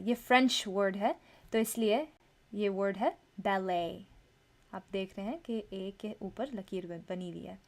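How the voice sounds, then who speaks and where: A woman teaching English vowel sounds, slowly repeating each sound and example word. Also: medium pitch. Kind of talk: pronunciation lesson.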